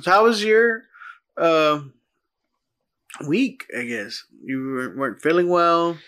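A middle-aged man from South Texas co-hosting a casual podcast, his voice sitting a bit high and sounding bright and forceful. He rambles through his stories, restarts his sentences and laughs at himself often. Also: very animated, slow. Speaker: podcast co-host. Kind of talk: casual chat.

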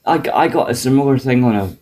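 A man's voice: mid-range voice, fast, a little mellow. A man with a broad Scottish accent chatting casually and telling stories in a coarse, sweary, colloquial way. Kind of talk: casual chat, animated storytelling.

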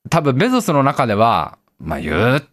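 A young man hosting a comedic radio talk show, reading listener mail and acting out quick skits with frequent laughter. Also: medium pitch. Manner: animated, acts out skits with quick voice changes; laughs often.

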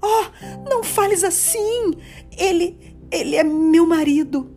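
A woman's voice: extremely high pitch, animated, takes it slowly, a little mellow, faint music behind, voice pushed up, exaggerated voice. A woman voicing a frightened young woman who cries out in tearful, anguished pleas.

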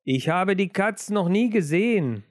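A man's voice: high voice, lively intonation, unhurried, no room sound, clean studio sound, voice pushed up. A man voicing a timid female mouse in a storybook reading, earnest and pleading.

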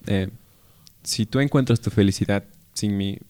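A man's voice: fairly low pitch, normal speed, warm tone. A young man, co-hosting a podcast in an easygoing, reflective chat. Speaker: podcast co-host. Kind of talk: casual chat.

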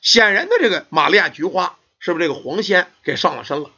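Animated storyteller. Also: male voice, high-pitched, quick pace, gravelly, husky. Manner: animated, colloquial. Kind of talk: oral folk tale storytelling. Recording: dull lo-fi recording.

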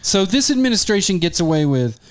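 A man's voice: sits high, sing-song, a little fast. A man co-hosting a talk show, needling the others with sarcastic remarks. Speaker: co-host. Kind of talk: casual talk show banter.

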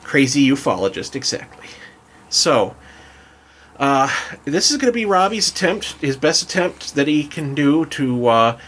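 A man's voice: a little high, very animated, unhurried, fairly bright tone, husky. A man hosting a casual podcast chat, laid-back and self-mocking, who trips over words as he reads. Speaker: podcast host. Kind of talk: casual chat, reading aloud.

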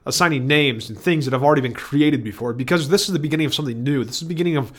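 A man hosting his own broadcast in a rambling stream-of-consciousness monologue, repeating phrases and swinging between loud outbursts and low mumbling. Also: rapid-fire, husky. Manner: erratic, swings from shouting to mumbling; repetitive, free-associating, self-questioning. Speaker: solo broadcaster.

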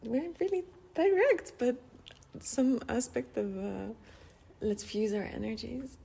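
A woman's voice: a little high, big pitch swings, slow pace, vocal fry, mellow, husky. A woman from the Netherlands, an intimacy coach and podcast guest, talking directly and laughing often. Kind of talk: casual podcast conversation.

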